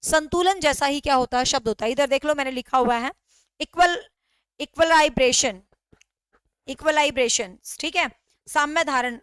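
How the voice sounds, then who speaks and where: High-voiced woman teacher, dry close sound. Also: fairly quick, fairly bright tone, no room sound. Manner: repetitive quizzing, mixes in English words. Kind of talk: online class lecture.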